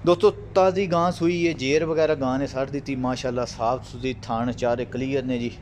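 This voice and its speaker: A man with a mid-pitched voice talks casually into a phone camera out on an open farm field. His sales patter is friendly and repetitive, and he keeps turning to address his viewers as friends. Faint outdoor ambience sits behind him. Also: steady tone, brisk, darkish tone, a little hiss or hum. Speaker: livestock sales vlogger.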